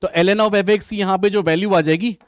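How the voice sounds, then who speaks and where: Male online maths tutor, high voice, Hindi-English mix, thinks aloud and answers student comments, dry close mic. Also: steady tone, moderate pace, no echo. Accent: Hindi mixed with English maths terms. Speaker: maths teacher. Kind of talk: live online exam solution class.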